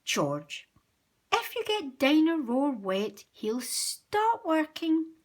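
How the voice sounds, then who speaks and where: A woman's voice: sits high, big pitch swings, slow pace, voice pushed up, full character voice. A woman reading aloud, voicing a kind mother pig from a cartoon storybook in a soothing, reassuring way.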